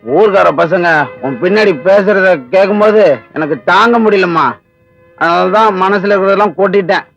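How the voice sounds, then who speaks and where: A man's voice: sits high, normal speed, creaky, fairly bright tone. A man acting as a husband and elder brother in an older film, talking earnestly and pleading, recorded on a dull soundtrack with music under it. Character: village man, drunkenly worried brother.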